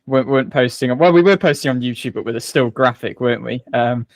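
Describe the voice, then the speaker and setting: A man's voice: medium pitch, fast, dry recording. A man co-hosting a podcast, chatting in a rambling, self-correcting way. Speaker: podcast co-host. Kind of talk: casual podcast chat.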